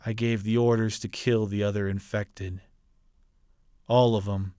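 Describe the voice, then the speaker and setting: A man playing a hardened, ruthless military officer, a colonel delivering a grave, deliberate dramatic film monologue. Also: lowish voice, level tone, mellow, smooth, no room sound, clean studio sound, natural voice. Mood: cold, hardened. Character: hardened, ruthless military colonel justifying his brutal mission.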